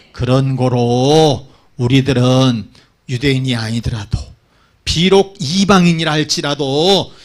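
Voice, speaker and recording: A man preaching a sermon as pastor, telling the story with animated energy and calling for amens. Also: on the high side. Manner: animated storytelling, acts out quotes; calls for amens from the congregation.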